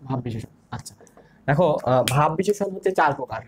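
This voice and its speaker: A man's voice: fairly high pitch, animated, fast, a little hiss or hum. A young man teaching an online grammar lesson, repeating key terms and asking and answering his own questions. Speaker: grammar instructor.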